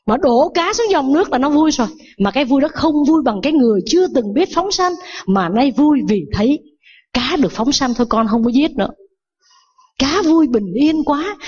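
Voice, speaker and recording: A woman's voice: fairly high pitch, a little mellow, breathy edge, dull audio. A Buddhist nun giving a sermon, telling a parable and asking her listeners rhetorical questions.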